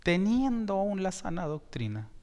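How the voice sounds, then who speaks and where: A man preaching a sermon as a pastor, slow and emphatic, with sudden rises in volume and frequent self-corrections. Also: high voice, very animated, a little mellow. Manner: repeats and corrects himself mid-sentence. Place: church sanctuary. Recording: long reverb in a church hall.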